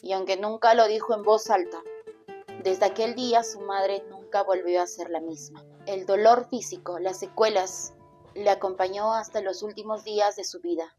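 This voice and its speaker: A woman reads documentary narration in a steady, measured, solemn way. Her pitch sits in the middle of the range. Soft music plays quietly under her voice. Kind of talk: scripted narration.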